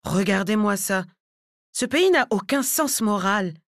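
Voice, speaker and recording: A woman's voice: mid-range voice, animated, measured pace, dry recording, studio quality. A woman reading the part of a pompous, self-important middle-aged man in an audiobook, in a lecturing, self-satisfied manner.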